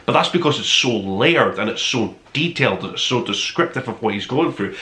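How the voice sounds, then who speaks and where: A podcast host with a bright, forward, middling-pitched voice gives a casual, effusive book review, expressive and brisk. He rambles conversationally as though chatting straight to the viewer, and the room around him is roomy and echoing.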